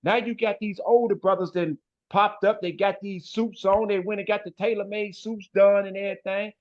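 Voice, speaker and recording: Guy, forceful talker, says man a lot, kinda high voice, muffled audio. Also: little pitch movement, normal speed. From west side of Chicago. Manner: emphatic, ends phrases with "man" and "bro". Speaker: guest. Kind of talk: casual interview talk.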